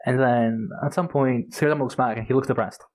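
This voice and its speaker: A man's voice: mid-range voice, fairly even intonation, fairly quick, a little mellow, rough recording. Enthusiastic rambling man discussing books. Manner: rambling and enthusiastic, with frequent fillers and swearing. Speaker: podcast co-host. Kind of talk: casual book discussion.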